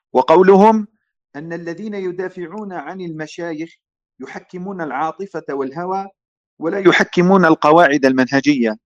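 A man asking a scholar a question in a formal, respectful way. His voice sits a little high. The recording is dull and lo-fi, and dry. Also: no echo. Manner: polite, formal, addressing the sheikh respectfully.

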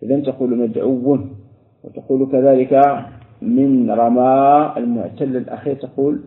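A man teaching a grammar lesson to a class, explaining each step and repeating words slowly while he quizzes his students. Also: mid-range voice, fairly even intonation. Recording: echoey room over a phone-like line.

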